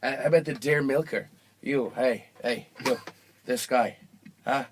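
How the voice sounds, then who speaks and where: A man's voice: a little slow, noisy background. A man hosting a casual comedic podcast, rambling and joking as he drifts between topics. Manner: rambling, jokey, drifts into falsetto bits. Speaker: podcast host.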